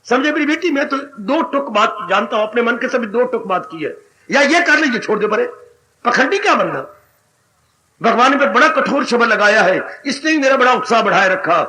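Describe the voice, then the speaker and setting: A man preaches a devotional sermon in a very high, bright voice. He is animated and full of exclamations, and he sings out quoted lines. Faint noise sits under his voice. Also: poor audio. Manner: animated, with exclamations and sung quotations. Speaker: spiritual teacher.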